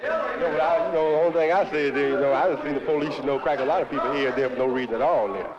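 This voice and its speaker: A man's voice: on the high side, very fast. A man arguing in the street, hesitant and full of fillers. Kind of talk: street argument. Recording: lo-fi 1960s film sound with crowd.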